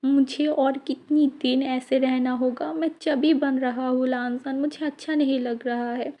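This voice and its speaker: A woman's voice: high voice, level tone, a little slow, highs cut off. A woman voicing a dramatic, pregnant young man who complains with stammering repeats. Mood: whiny.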